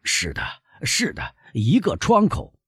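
A man reading aloud, voicing an older male innkeeper who haggles and flatters his guests. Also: on the high side, takes it slowly, husky, dry recording, clean studio sound, pitched above the performer's own voice, full character voice. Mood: insistent.

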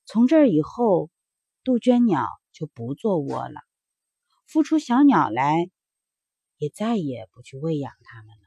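A woman narrates a children's bedtime story in a gentle, expressive way, her pitch rising and falling freely. Her voice is slightly husky, and it is recorded close and dry. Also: a little slow, no room sound, dull audio.

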